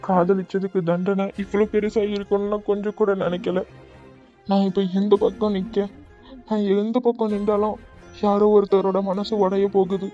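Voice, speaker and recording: Man voicing a pleading cartoon lover, high-ish tone, muffled dry recording. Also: flat delivery, normal speed, warm tone, lightly acted. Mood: anguished. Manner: anguished, pleading. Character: young man torn between love and family. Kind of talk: cartoon voice acting. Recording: dull dry recording with faint music.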